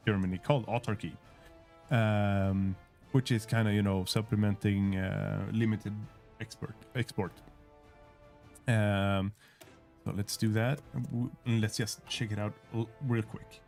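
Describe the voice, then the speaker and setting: A man whose English is a second language demonstrates gameplay of a strategy game in a relaxed developer livestream. His voice runs on the low side and is a little mellow, and his delivery is hesitant, peppered with fillers and restarts.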